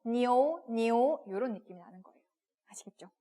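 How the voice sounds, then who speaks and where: A young woman gives a video lesson on pronunciation. Her voice sits fairly high and moves a lot in pitch. She explains things patiently and models each sound clearly, again and again. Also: sing-song, moderate pace. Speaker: Chinese language teacher.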